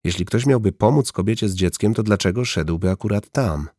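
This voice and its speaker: A man voicing a quiet, uneasy forester in an audiobook, hesitant and low-key. He has a very deep voice, recorded dry and close. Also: fairly quick, no echo, natural voice.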